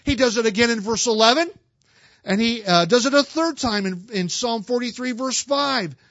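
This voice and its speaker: A man's voice: extremely high pitch, normal speed, a bit bright, dry recording. A man preaching a sermon as a pastor, earnest and emphatic, often restarting his words. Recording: slightly dull, dry recording.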